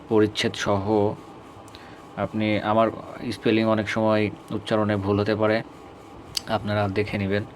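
Young guy w reading word lists, low flat voice, faint background hiss. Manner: slow, deliberate listing with casual asides. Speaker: grammar study video maker. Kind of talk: reading out synonym lists for revision.

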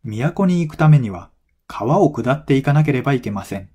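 Warm in tone and lively in intonation, a man's mid-range voice delivers a scripted folktale for language learners. He tells it at a measured pace with clear phrasing.

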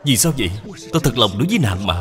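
A man's voice: medium pitch, sing-song, racing, close to an everyday voice. A man voicing an earnest young nobleman courting a widow in a dubbed period drama. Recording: with music behind.

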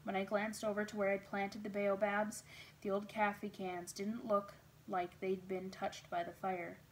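A woman's voice: medium pitch, measured pace, a little hiss or hum. Woman reading a children's story aloud. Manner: expressive, steady storytelling.

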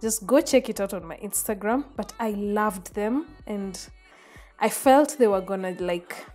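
A woman's voice: mid-range voice, measured pace, a little mellow, soft background music. A young woman with a Kenyan accent, chatting to viewers about her bedroom makeover and calling them guys. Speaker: home makeover vlogger. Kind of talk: casual voice-over narration.

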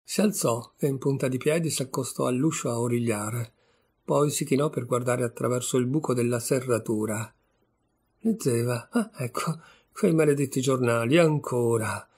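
Gravelly, husky male story narrator. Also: mid-range voice, normal speed, darkish tone. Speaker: audiobook narrator. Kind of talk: literary audiobook narration.

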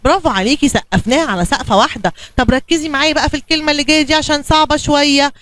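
Egyptian woman teacher, high bright voice, dry close sound, coaxing classroom tone. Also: rapid-fire, no echo. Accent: Egyptian Arabic. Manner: coaxing, asks and answers her own questions. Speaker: kindergarten teacher. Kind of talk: bilingual classroom lesson for young children.

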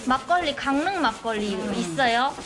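A woman's voice: high-pitched, animated, normal speed. A woman casually vlogging a solo trip, often talking to herself in muttered asides. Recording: noisy street and vehicle ambience. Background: outdoor and vehicle noise.

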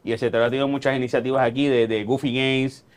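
Puerto Rican male staffer, rapid run-on delivery. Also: medium pitch, little pitch movement, clear, resonant tone. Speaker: department employee on podcast. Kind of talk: casual podcast chat.

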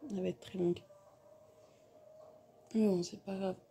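A woman's voice: medium pitch, flat delivery, moderate pace, gravelly, mellow, a little hiss or hum. A tired woman, venting in a casual vlog to her viewers, talking in restarts and trailing phrases. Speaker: vlogger, mother. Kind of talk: casual vlog talk to camera. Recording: roomy echo, voice a bit far from the mic.

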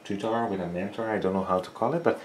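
Talking fast in a lowish, fairly even voice, a Dutch-accented man in his thirties paints while hosting a casual studio vlog. English is his third language after Dutch and Frisian, and he hesitates a lot, using fillers and searching for words. The small home art studio sounds echoey, with slight background noise.

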